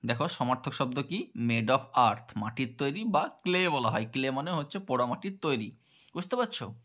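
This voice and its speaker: A man working as a tutor, explaining a textbook page to young pupils at a medium pitch. He is patient, repeats key words and keeps checking that they understand. He reads the English examples slowly and clearly. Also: sing-song, fairly bright tone.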